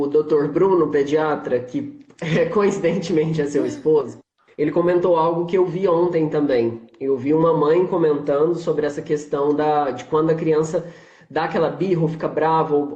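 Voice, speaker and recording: A man's voice: a little high, fairly even intonation, moderate pace, warm tone. A man with a Brazilian Portuguese accent, a guest in a casual chat, relaxedly retelling something he read, speaking over a video call. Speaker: guest photographer. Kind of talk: casual conversation. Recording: echoey, dull-sounding remote call audio.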